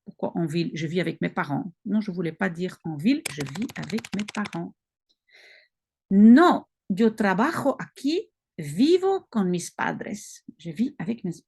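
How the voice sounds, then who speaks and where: A woman with a Belgian French accent, reading practice sentences slowly and carefully, explaining and correcting herself as she goes. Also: mid-range voice, vocal fry, darkish tone, breathy edge. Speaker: language-learning video host. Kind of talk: reading practice dialogue aloud.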